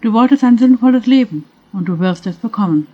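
Kind, patient middle-aged man, a woman reading the part in an audiobook story; clear, a bit raised, slightly muffled recording. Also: fairly high pitch, expressive, a little fast. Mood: earnest. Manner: patient, gentle. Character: gentle middle-aged male spirit guide, patient and kind.

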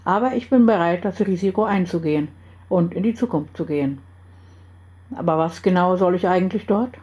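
A woman's voice: fairly low pitch, brisk, warm tone, close to an everyday voice. A woman reading aloud and voicing the story's heroine, a doubtful but determined young woman. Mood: tense. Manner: tense, then resolute.

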